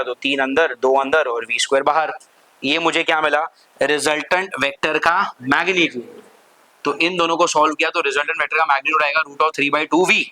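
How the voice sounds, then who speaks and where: Male physics teacher, fairly high bright voice, keeps asking the class if they follow. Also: low-quality recording. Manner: asks the class constant check questions, mixes Hindi with English terms. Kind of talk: classroom lecture.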